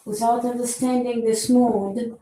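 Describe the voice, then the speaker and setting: A woman from the audience asking a question haltingly, searching for words, heard far off in a hall. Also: a little high, fairly even intonation. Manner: halting, searching for words, non-native phrasing. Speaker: seminar participant asking a question. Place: seminar hall. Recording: distant, very echoey hall with faint noise.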